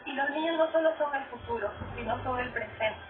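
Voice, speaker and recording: A young woman from Peru, speaking earnestly and softly as a pageant contestant. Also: sits high, quick pace, roomy sound. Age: young adult. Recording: tinny distant TV broadcast with music.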